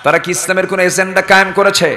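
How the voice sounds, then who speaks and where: Man, fiery sermon, high bright voice, shouted call-and-response. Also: level tone, racing. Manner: shouting call-and-response, drops to joking asides. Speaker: preacher at a waz gathering.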